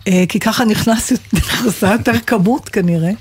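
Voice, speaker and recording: A middle-aged woman from Israel co-hosting a radio show, chatting casually and telling lively stories with frequent laughter. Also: mid-range voice, husky. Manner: lively, storytelling, laughs often. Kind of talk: casual chat.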